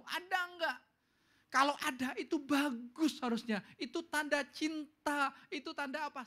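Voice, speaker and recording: Man, pastor preaching, high voice, bright and forceful, animated delivery, church service. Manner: animated preaching with rising emphasis; mixes English words into speech. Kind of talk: sermon.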